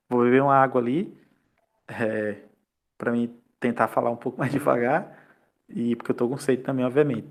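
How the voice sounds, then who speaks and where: A Brazilian man teaching a chemistry class online, explaining step by step with rhetorical questions and quick checks for understanding. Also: medium pitch. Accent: Brazilian Portuguese. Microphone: computer mic on a video call.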